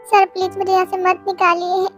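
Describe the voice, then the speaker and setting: A high-voiced reader playing a stubborn young office woman who begs and talks back, with soft music behind. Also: completely flat delivery, a little fast. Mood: pleading. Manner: pleading, cheeky.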